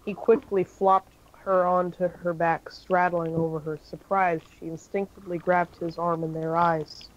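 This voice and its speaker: A man's voice: high-pitched, flat delivery, normal speed, few pauses, muffled recording. A man reading a fan-fiction story aloud in an amateur style, with occasional slips and self-corrections.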